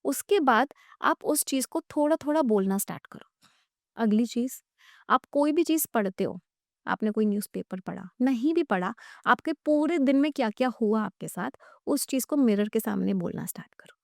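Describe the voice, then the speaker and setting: A woman's voice: fairly high pitch, lively intonation, normal speed, creaky, no echo, clean studio sound. A woman English teacher in a podcast interview, explaining tips step by step and spelling long words out letter by letter.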